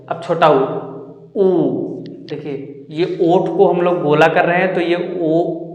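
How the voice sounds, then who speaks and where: A man teaching a Hindi grammar lesson for exam preparation, explaining step by step and sounding out vowels as examples. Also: a little high. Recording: echoey room with long reverb.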